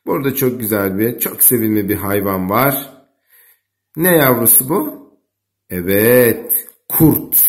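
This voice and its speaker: A man's voice: lowish voice, animated, a little slow, long pauses. A man teaching young children, dictating simple words with repeats and prompting them with short questions. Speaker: primary school teacher and video host.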